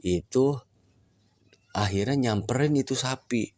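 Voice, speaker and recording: A man's voice: lowish voice, moderate pace, mellow. A man, telling a religious story casually and acting out the dialogue in raised voices.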